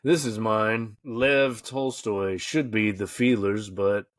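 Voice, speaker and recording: A man's voice: on the low side, steady tone, takes it slowly, no echo. A man co-hosting a casual livestream podcast, reading florid write-ups and breaking off for jokey asides. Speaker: podcast co-host.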